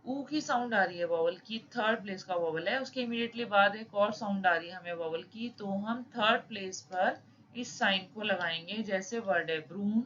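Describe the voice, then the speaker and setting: A woman's voice: medium pitch, a bit bright. Woman teacher. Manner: reads English rules slowly, then explains in mixed Hindi-English. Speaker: shorthand teacher. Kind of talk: explaining lesson with examples. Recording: slightly dull with faint noise.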